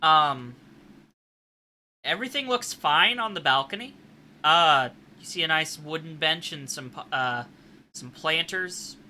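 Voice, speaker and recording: A man's voice: a little high, lively intonation, measured pace, sharp tone, a little hiss or hum. A man narrating as game master, loosely improvising the scene with frequent fillers.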